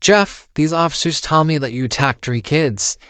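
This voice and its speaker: A man's voice: a little high, lively intonation, moderate pace, a bit bright, smooth, no echo, voice pushed up. A man voicing an upset, worried, reproachful mother in a horror story read aloud.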